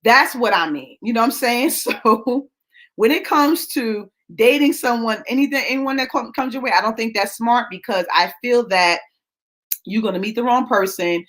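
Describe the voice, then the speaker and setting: A woman in her late thirties hosting a live show, talking casually to her viewers, animated and laughing, calling them y'all. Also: fairly high pitch, moderate pace. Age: late 30s. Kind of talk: casual livestream talk to viewers.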